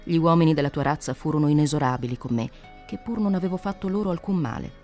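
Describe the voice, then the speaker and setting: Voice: medium pitch, quick pace, a little mellow, soft background music, natural voice. A reader voicing a proud, passionate male pirate chief in a fervent, declaiming dramatic reading of an adventure novel. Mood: pleading.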